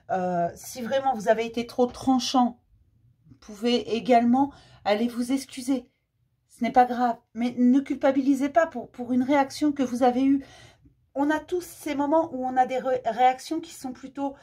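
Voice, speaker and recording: Woman doing a chatty card reading, kinda high voice, reassuring and informal. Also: warm tone. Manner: chatty, reassuring, informal, addressing listeners directly. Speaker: host of an oracle card reading channel. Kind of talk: casual spoken card reading to camera.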